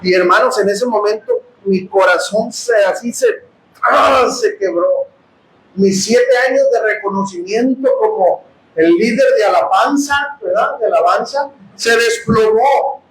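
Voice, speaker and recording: A man with a Mexican accent preaching a sermon testimony, impassioned and often bursting into shouts as he addresses his brothers. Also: high-pitched, normal speed, echoey room, rough recording. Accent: Mexican Spanish. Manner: impassioned, bursts into shouting, calls listeners "hermanos". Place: house of prayer.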